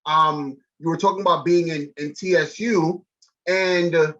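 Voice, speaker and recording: Speaking unhurriedly with fairly even intonation, an American interviewer in his thirties keeps things casual and enthusiastic with his video-call guest. His voice sits on the high side and is a bit bright. He's in a small indoor room, and the audio comes through slightly dull.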